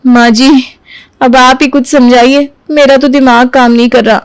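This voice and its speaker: A woman's voice: sits high, level tone, normal speed, clear, resonant tone, no echo, natural voice. A woman voicing a sensible young sister-in-law in a cartoon who tries to talk sense into him. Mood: persuasive. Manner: persuasive, chatty.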